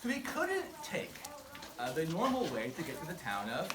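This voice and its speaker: A woman tells a story live to a group in a playful, self-deprecating, casual way, prompting her listeners to join in. Her voice sits low with huge pitch swings at a moderate pace. The recording is echoey and far from the mic, with a noisy crowd calling out in the background.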